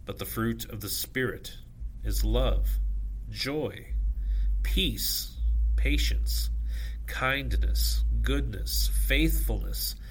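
A man officiating at evening prayer, reciting scripture and liturgy in measured, solemn short phrases. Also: mid-range voice, slight background noise, poor audio.

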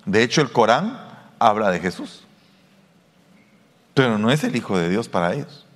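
A man's voice: lowish voice, sing-song, moderate pace, in a large hall. A man with a Mexican Spanish accent preaching a sermon in a conversational way, often asking his listeners rhetorical questions. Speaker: pastor.

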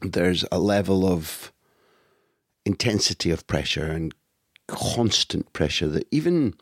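Low-voiced man musing on football. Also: lively intonation, no room sound, studio quality. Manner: thoughtful, many pauses and fillers. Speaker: football journalist guest. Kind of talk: conversational analysis. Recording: phone line.

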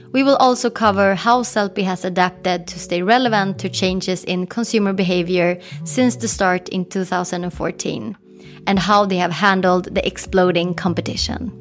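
Polished woman podcast host. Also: mid-range voice. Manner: scripted, polished introductions. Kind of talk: podcast intro and interview.

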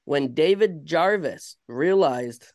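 A man's voice: on the high side, animated, darkish tone, dry recording, clean studio sound. A man with a Vermont accent reading aloud casually, stumbling and correcting himself as he goes. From Vermont, United States. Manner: halting, stumbling and self-correcting. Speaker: podcast host reading a story aloud.

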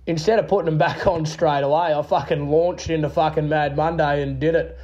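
A man's voice: a little high, fairly even intonation, fairly quick, a little mellow, muffled recording. An Australian man telling a casual anecdote in a voice message, blokey and full of swearing and slang. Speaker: listener leaving a voice message.

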